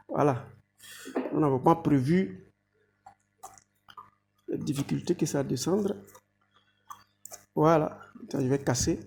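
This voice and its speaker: A woman's voice: low-pitched, a little mellow, a little hiss or hum. A woman giving an instructive health talk and demonstration, addressing viewers directly as an educator.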